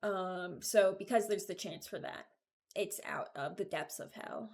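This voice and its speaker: Speaking at a measured pace in a fairly low, creaky, slightly mellow voice, a young woman who makes videos rambles through a casual ranking, giving frank, offhand opinions as she thinks aloud.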